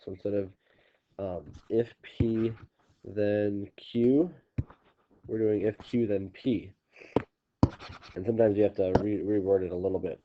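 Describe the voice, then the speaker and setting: A man with a lowish voice and a stuffy, congested nose teaches geometry in a recorded classroom video, explaining step by step with frequent ums and restarts. His tone is steady, his pace measured, and he pauses often. The lo-fi recording is slightly dull, with a little hiss or hum.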